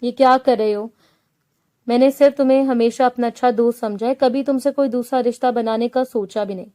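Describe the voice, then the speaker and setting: A woman's voice: a little high, steady tone, mellow, lightly acted. A woman reading the part of an anxious young married student in a spoken novel. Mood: worried.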